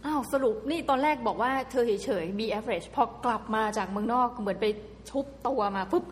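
A woman hosting a casual interview, asking brisk questions and giving short replies. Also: a little high, lively intonation, slight background noise. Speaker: interviewer host. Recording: reverberant room, faint background ambience.

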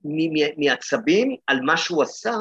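Male educator, podcast co-host; breathy, raised pitch, reflective storyteller, dull lo-fi track. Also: animated, a bit bright, no echo. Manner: thoughtful, tells classroom stories with many restarts. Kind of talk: reflective casual chat.

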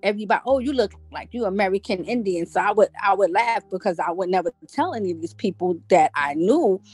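A woman's voice: medium pitch, lively intonation, quick pace, darkish tone, slightly rough, no echo. A woman from Brooklyn, telling her personal story as a guest with lots of restarts. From Brooklyn, New York. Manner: rambling, many "like" and "you know" restarts.

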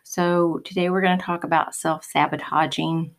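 Low raspy woman doing her solo podcast, kinda hoarse from allergies, calm and explaining stuff, some ums here and there. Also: moderate pace. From United States. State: hoarse from pollen. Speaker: podcast host.

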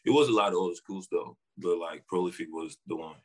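A man's voice: sits low, a little fast, darkish tone. A young man with a Senegalese accent giving short, informal, slangy answers as a guest in a casual interview. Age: young adult. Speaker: interview guest, basketball player.

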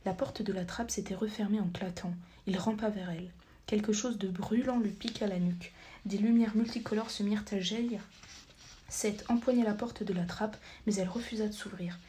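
A woman narrating a storybook audiobook, reading steadily and sometimes dropping to a soft, near-whispered tone. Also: medium pitch, normal speed, slight background noise. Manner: steady reading, drops to a soft near-whisper at times, corrects small slips. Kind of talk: scripted narration.

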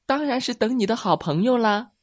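A man's voice: very high-pitched, expressive, fairly quick, pitched above the performer's own voice. Man doing an eager little rabbit. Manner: eager, exclaiming.

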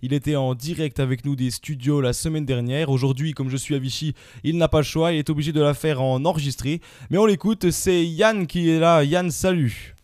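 A man's voice: on the high side, fairly even intonation, brisk, darkish tone, no echo, clean studio sound. A man hosting a radio show, presenting casually with a chatty, self-mocking manner. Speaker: radio host. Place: on location away from the studio.

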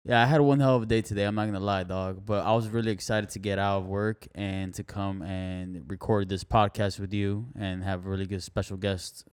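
A man with a somewhat low voice talks like a frat bro, full of slang. He banters casually as a podcast co-host, and the sound is dry, with very little room in it. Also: steady tone, fairly quick, few pauses, clear, resonant tone, dry recording. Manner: slangy frat-bro talk, peppered with bro and dog.

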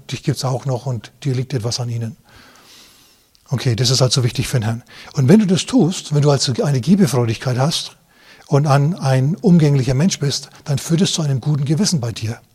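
A man preaching as pastor, his voice husky and set a little high. He reads scripture aloud verse by verse and stops to explain it. He keeps turning to the congregation with direct asides and rhetorical questions. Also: a little mellow. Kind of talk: sermon.

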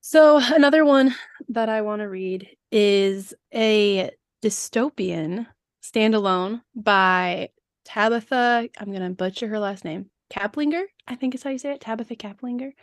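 A woman at a mid-range pitch, bantering playfully and laughing easily, cheerfully admitting she will mangle names. Her voice sounds dry and close. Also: a little slow, dry recording. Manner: playful, laughing, unsure of name pronunciations. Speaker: podcast co-host. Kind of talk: casual book chat.

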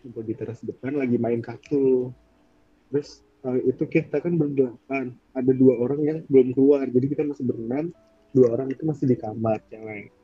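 A man's voice: mid-range voice, steady tone, a little fast, husky, dry recording, dull audio. A young man in his twenties casually telling a ghost story, rambling and searching for words. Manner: rambling, searches for words, acts out quoted voices. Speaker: podcast storyteller.

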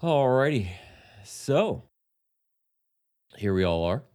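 A man's voice: mid-range voice, very animated, slow pace, darkish tone, faint music behind. A man hosting a casual podcast, his voice nasal and a little congested as he gets over an illness. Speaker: podcast host.

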